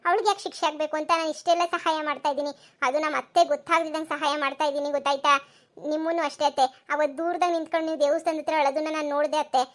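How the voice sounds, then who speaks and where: Woman voicing a soothing young cartoon daughter-in-law, high fast delivery. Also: fairly even intonation, close to an everyday voice. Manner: soothing, reassuring. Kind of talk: cartoon voice acting.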